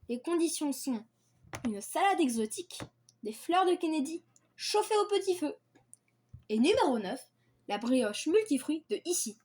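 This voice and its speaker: Lady with a high voice reading off a script, same phrases over and over, trips on words sometimes. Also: a little mellow. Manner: reads from a script, repeats set phrases, occasional stumbles. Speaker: video creator presenting invented dishes. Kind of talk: read-aloud list presentation.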